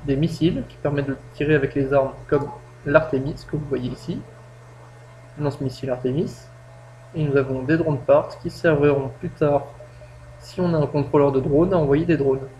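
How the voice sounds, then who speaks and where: A man's voice: steady tone, moderate pace, a little mellow, lo-fi sound. A man hosting a casual gameplay tutorial, explaining step by step and joking at his own expense. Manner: chatty, self-mocking, explains step by step. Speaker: gaming tutorial host. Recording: low-quality home mic with faint hum.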